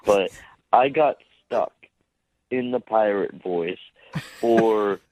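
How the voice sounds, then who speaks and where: A man calling in to a radio show, telling his story slowly and hesitantly. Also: fairly low pitch, a little mellow, dry recording. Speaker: radio caller. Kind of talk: phone-in chat. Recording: tinny phone line.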